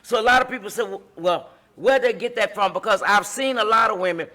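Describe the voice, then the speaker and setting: She's a middle-aged woman running a relationship advice talk, pressing her points in a sermon-like, repetitive rhythm typical of preaching-style advice. The voice sits in the mid range, sounds sharp, and moves a little fast.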